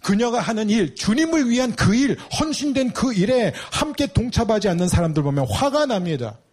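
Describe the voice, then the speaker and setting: A man preaching a sermon, animated and asking the congregation rhetorical questions. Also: high-pitched, fairly quick. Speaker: pastor.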